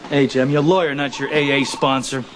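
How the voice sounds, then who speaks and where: A blunt lawyer, as a man plays him, gives advice with dry wisecracks. His voice sits in a middle male register. A clear layer of noise lies over the broadcast. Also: mid-range voice, steady tone, fairly quick, natural voice. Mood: wry. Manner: wry, blunt. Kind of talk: soap opera acting.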